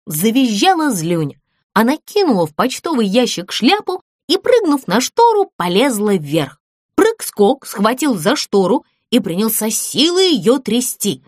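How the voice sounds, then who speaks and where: Expressive woman reading a children's story. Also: on the high side, a little slow, no room sound, clean studio sound. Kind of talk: children's audiobook narration.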